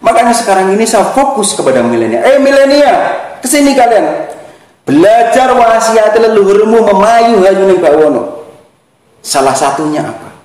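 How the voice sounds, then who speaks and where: Javanese man as a spiritual teacher, lively high voice, emphatic and repetitive, heavy room echo. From Java. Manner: emphatic, repeats key phrases, mixes in Javanese. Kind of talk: teaching talk. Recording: very echoey room.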